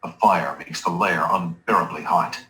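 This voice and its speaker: An actor giving scripted narration for a fantasy adventure game, measured, solemn and dramatic. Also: male voice, sits low, steady tone, bright, forceful tone, echoey room, poor audio. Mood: ominous.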